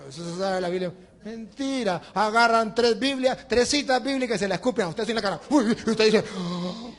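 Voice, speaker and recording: A man's voice: high-pitched, brisk. A male priest preaching a sermon, telling a humorous story with laughter and imitating the people in it. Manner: animated, laughing, mimics others in anecdotes.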